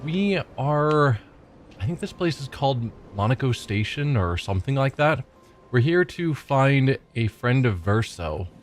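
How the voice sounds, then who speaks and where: A congested streamer with a medium-pitched voice gives casual let's play commentary, musing, chatting and thinking aloud as he plays. There's a little hiss or hum, with game music in the background.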